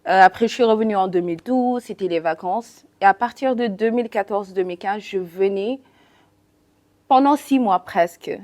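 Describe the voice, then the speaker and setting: A young woman from Senegal, a guest in a casual chat, relaxed and laughing often, switching between French and English. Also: medium pitch, normal speed. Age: young adult.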